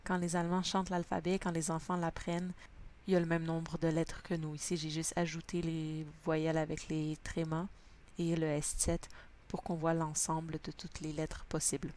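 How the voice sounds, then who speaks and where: A woman's voice: low-pitched, completely flat delivery, moderate pace, a little mellow. A woman teaching a language lesson, patiently spelling out sounds word by word. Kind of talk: slow spoken lesson.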